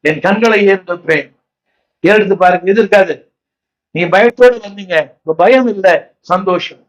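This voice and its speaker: High-voiced Tamil pastor exhorting congregation. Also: male voice, normal speed, rough recording. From India. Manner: calls on the congregation to repeat after him; repetitive, exhorting, asks the crowd questions. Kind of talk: sermon. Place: church.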